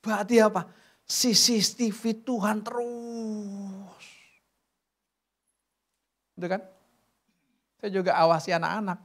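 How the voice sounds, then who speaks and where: A woman's voice: medium pitch, fairly even intonation, slow pace, long pauses. A middle-aged woman preaching a sermon at a church service, chatty and joking, with many rhetorical questions.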